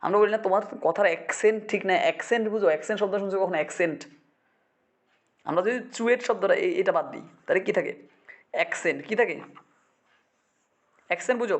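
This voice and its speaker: A man's voice: high-pitched, rapid-fire, pauses often. A male English teacher from Bangladesh drilling vocabulary in a classroom, repeating words and quizzing his students.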